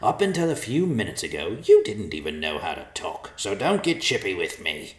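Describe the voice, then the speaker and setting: A man's voice: sits low, wildly swooping pitch, moderate pace, reverberant. A man voicing a sly, mocking male talking vulture in a storybook reading, teasing and boastful. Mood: prickly.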